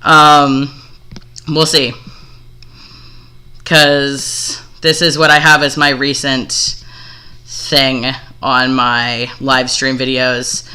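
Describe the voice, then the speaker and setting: A man's voice: mid-range voice, flat delivery, extremely slow, long pauses, sharp tone, clean tone. A man streaming casual commentary as he reacts to a video, talking bluntly and swearing freely, with some hesitant fillers.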